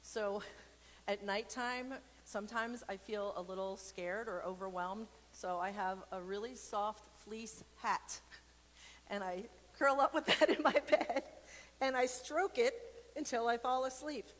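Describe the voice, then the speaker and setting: During an online church service, an adult woman reads a picture book to children, chatty and playful, wandering into comically exaggerated asides and asking viewers questions directly. Her mid-range voice is fairly even and a little slow, with long hall echo and background noise.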